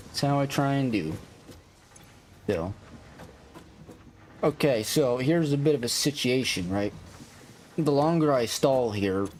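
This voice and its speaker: Here a man with a soothing, mid-range voice streams a factory-building game live. His talk is relaxed and meandering, part chat and part running commentary as he thinks aloud. Noise can be heard clearly in the background.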